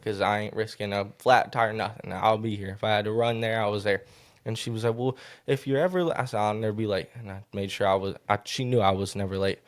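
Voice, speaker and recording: Young male podcast guest, low-pitched, earnest, halting delivery with many restarts. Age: young adult. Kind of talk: emotional personal story in a podcast interview.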